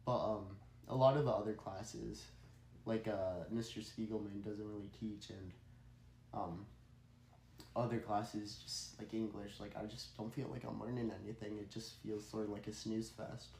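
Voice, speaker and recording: A man's voice: on the low side, level tone, moderate pace, gravelly, a little mellow, roomy sound, a little hiss or hum, poor audio. A teenage boy in a casual chat, teasing and full of fillers.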